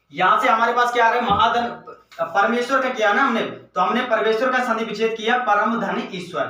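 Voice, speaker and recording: A man with a high, bright voice teaches a grammar lesson for exam candidates. He keeps asking his own questions and answering them. He sounds set back from the mic in a strongly echoing room. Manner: repetitive question-and-answer teaching, addresses viewers as friends. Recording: echoey room, mic at a distance.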